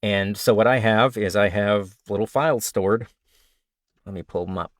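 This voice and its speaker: A deep, slightly raspy man chats at normal speed with no echo, an audiobook narrator passing along tips during a casual Q&A livestream. He's relaxed and talkative, calls himself a nerd, and leans on frequent fillers.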